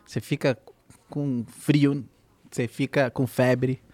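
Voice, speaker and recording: A man's voice: mid-range voice, little pitch movement, slow, a little mellow, no room sound. A man from Brazil co-hosting a podcast in an easygoing way, dropping in casual filler words. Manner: casual, says "mano" and "né".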